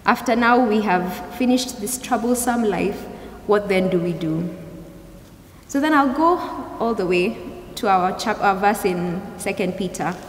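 A young adult woman giving a youth service sermon in a measured, explanatory way, often rephrasing as she goes. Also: medium pitch, expressive. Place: large church hall, indoors. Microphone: gooseneck pulpit microphone. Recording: echoey hall, clear background noise.

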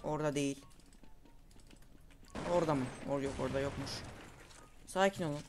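A young man giving casual, excitable commentary over his own gameplay, calling out moves to his viewers. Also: on the high side, fairly quick, music in the background. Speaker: gaming YouTuber. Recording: faint game noise and gunfire behind.

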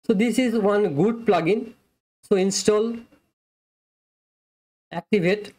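A young man giving a plain, step-by-step screen-recorded software review and demo, talking close to a webcam mic in a small room. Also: high-pitched, takes it slowly.

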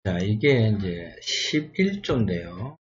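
Male tutor, deliberate unhurried delivery with an animated pitch, Bible exam review, dull lo-fi recording. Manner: reads verses aloud, then sounds out English words slowly.

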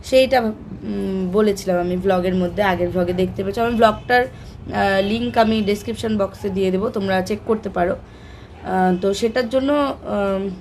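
A woman's voice: mid-range voice, a little mellow, a little hiss or hum. A young woman from Bengal vlogging in a casual, rambling way with many fillers and restarts. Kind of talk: casual chat to camera.

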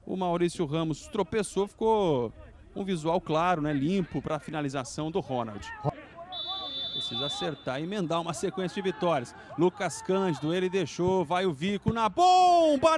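Brazilian guy calling a soccer game, super high voice, excited, stretches out his shouted calls. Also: slight background noise. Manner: exclamatory, with drawn-out shouted calls. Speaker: football play-by-play commentator. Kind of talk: excited live match commentary.

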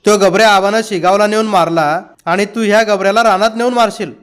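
A man's voice: sits high, steady tone, a little fast, clear, resonant tone, natural voice. A man voicing a bold, teasing ten-year-old village boy in an audiobook, with a brash, raised voice.

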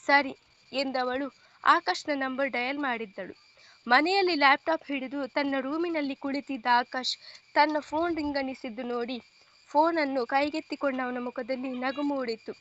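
High-voiced woman narrating a story. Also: normal speed, fairly bright tone, muffled recording. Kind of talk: scripted narration of a romance audiobook.

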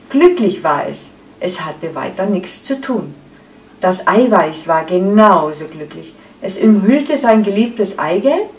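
A woman reads a whimsical tale aloud for a group, lively and expressive. Her voice rings with room echo and is picked up from far off, over faint hiss. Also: medium pitch. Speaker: group performer introducing a story. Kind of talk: live storytelling reading. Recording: echoey room, far from the mic.

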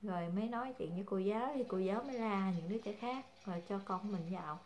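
A woman's voice: mid-range voice, fast talker, darkish tone, a little hiss or hum. Hesitant young mother. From Vietnam. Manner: hesitant, many fillers, calls viewers family. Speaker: vlogger, mother. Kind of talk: casual chat to viewers.

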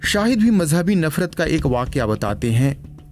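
A man narrating a news documentary in a measured, formal storytelling voice. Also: fairly high pitch, big pitch swings, a little mellow, soft background music. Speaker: reporter narrating.

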